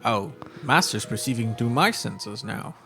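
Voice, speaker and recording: A man's voice: medium pitch, expressive, a little slow, creaky, pushed and bright, husky, soft background music, heavily acted. A man voicing a polite, dutiful male flying familiar that calls his master sir. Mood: matter-of-fact.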